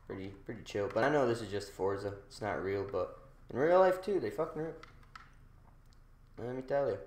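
A man's voice: lowish voice, animated, moderate pace, darkish tone. A young man with a slangy, heavily profane frat-bro manner, giving casual commentary while playing a game. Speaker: gamer recording a gameplay video. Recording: roomy echo, engine noise behind. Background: racing game car sounds.

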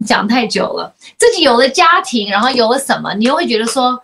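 Animated woman telling family stories. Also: fairly high pitch, fairly quick, vocal fry, a little hiss or hum. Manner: lively storytelling, mixing in English words. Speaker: talk show co-host. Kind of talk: casual chat.

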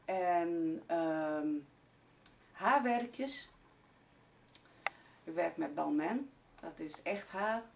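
A woman's voice: on the low side, expressive, very slow, creaky, long pauses. A woman in her forties who owns a hair and beauty salon, speaking hesitantly with many fillers as she presents her business to camera. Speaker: salon owner. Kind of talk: promotional talk to camera. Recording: distant camera mic with faint room noise.

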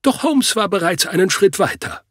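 A man narrating a first-person detective audiobook. His voice is slightly husky, lively in pitch and slow-paced, recorded dry and close. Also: no echo. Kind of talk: scripted narration.

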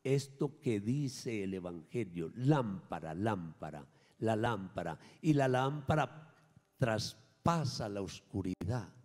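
A man, a priest, preaching a sermon at Mass, emphatic, swinging between raised and hushed lines. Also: lowish voice, lively intonation, takes it slowly, big-room sound. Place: church.

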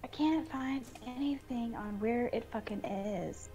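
A woman's voice: fairly high pitch, unhurried, over loud music. A woman chatting and teasing friends casually over an online voice call during a game. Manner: giggly, teasing. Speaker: gamer. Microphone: online voice chat.

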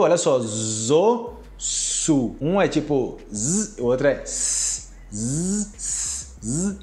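A young Brazilian man with a Brazilian Portuguese accent, teaching a casual online language lesson, stretching out model words slowly and often checking in with "ok?". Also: medium pitch, a little mellow. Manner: slow, drawn-out model words for pronunciation drills; frequent checking tags like "ok?" and "né?".

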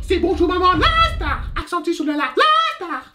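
A man voicing a fussy, insistent mother in a high falsetto for a comedy sketch. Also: animated, fast talker. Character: shrill bossy mother, middle-aged woman.

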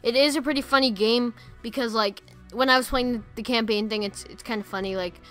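A woman giving casual, excitable gameplay commentary, rambling with lots of "like" and "friggin'". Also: fairly high pitch, brisk, faint music behind. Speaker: gaming YouTuber.

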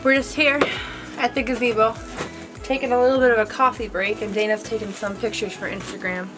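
A woman's voice: a little high, fairly even intonation, a little fast, over music. A young woman vlogging on a winter hike in the woods, talking chattily to a handheld camera with lots of fillers. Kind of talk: casual vlog talk to camera.

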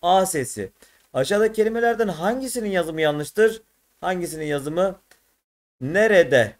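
A man's voice: high-pitched, animated, moderate pace. A man teaching an exam prep lesson, tired, thinking aloud and correcting himself as he works through questions. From Turkey.

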